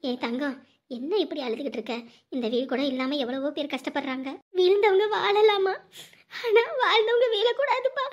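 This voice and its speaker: A woman voicing a calm female friend from jail who consoles and reasons plainly. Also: high voice, normal speed, dull audio, pitched below the performer's own voice, close to an everyday voice. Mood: consoling. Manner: soothing, matter-of-fact.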